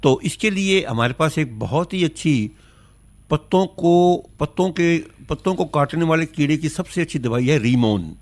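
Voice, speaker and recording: A man's voice: on the high side, animated, normal speed. A North Indian man giving courteous, instructive advice as an expert on a phone-in, repeating key points. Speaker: agriculture expert.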